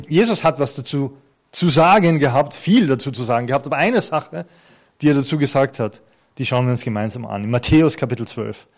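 A man in his fifties preaching an earnest, conversational sermon to a congregation, with touches of light humor. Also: medium pitch. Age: 50s. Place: church hall before a congregation.

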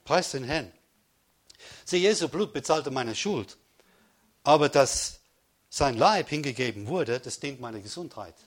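A man giving a sermon as pastor, emphatic, with repeated calls of praise, swinging between loud declarations and hushed stresses. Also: medium pitch, lively intonation, measured pace, pauses often.

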